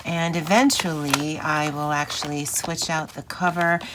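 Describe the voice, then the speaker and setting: A woman's voice: low voice, steady tone, a little slow, background noise. A woman with a phlegmy, rattly voice from morning congestion, hosting a casual, chatty craft vlog in an informal, rambling way. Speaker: planner channel host.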